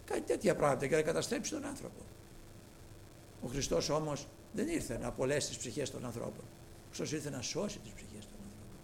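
A man preaching a sermon, telling scripture stories with passion, swinging from loud declamation to hushed reverence. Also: a little high, big pitch swings, gravelly, slight background noise. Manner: impassioned, dramatic storytelling with swings from loud to hushed.

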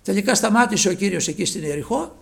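A man preaching a sermon with fervour, his phrases often sinking to a hushed, low close. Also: animated, vocal fry.

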